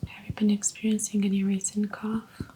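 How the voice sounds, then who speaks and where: A woman whispering softly as a clinician in a roleplay, calmly giving gentle step-by-step instructions during a check-up. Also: mid-range voice, brisk, slightly rough, poor audio. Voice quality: soft whisper. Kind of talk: ASMR medical exam roleplay.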